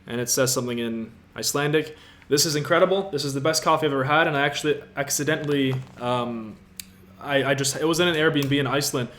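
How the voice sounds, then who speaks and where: A man's voice: mid-range voice, fast talker, fairly bright tone, a little hiss or hum. A man in his twenties from Latvia, hosting a casual livestream Q&A in an upbeat, motivational way and talking straight to his viewers. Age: 20s. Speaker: livestream host answering viewer questions. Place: apartment room with a city view.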